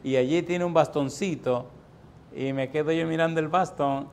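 A man in his sixties preaching a sermon, telling a personal story in an animated way and lifting his voice for repeated refrains. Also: on the high side, moderate pace, slight background noise. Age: 60s.

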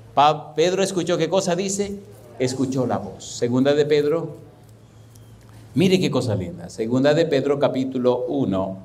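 Male pastor, sermon delivery, animated, voices the people in his anecdotes. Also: on the high side. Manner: animated preaching, repeats rhetorical questions; acts out dialogue in anecdotes.

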